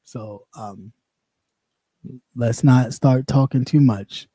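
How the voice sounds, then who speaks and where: He speaks at medium pitch, taking it slowly in a mellow tone, with no room sound. Formerly on radio and now hosting a livestream, this light-voiced man rants in a blunt, sassy, casual way, repeating himself in loops.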